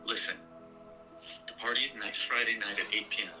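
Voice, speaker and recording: A man's voice: fairly low pitch, steady tone, fairly quick, sharp tone, faint music behind. An actor playing an earnest, exasperated son in his twenties, emphatic with a sarcastic edge, in naturalistic drama dialogue. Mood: frustrated. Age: 20s.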